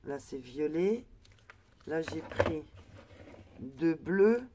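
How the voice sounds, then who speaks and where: A woman's voice: low-pitched, lively intonation, very slow, noisy background. A woman vlogger chatting casually through a crafting haul, hesitant and full of fillers and restarts. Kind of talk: casual product haul chat.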